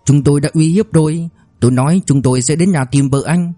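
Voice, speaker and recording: A man voicing a glib, scheming young debt collector who talks smoothly with mock innocence. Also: fairly high pitch, brisk, dark tone, no echo, studio quality, faint music behind, lightly acted. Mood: mock-sincere.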